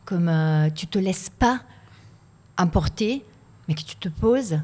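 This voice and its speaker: With a lowish, darkish voice, lively intonation, and a slow pace, a woman from Italy speaks as a guest on a podcast. She is a native Italian speaker with an Italian accent, and she comes across reflective and hesitant, repeating words as she hunts for the right ones.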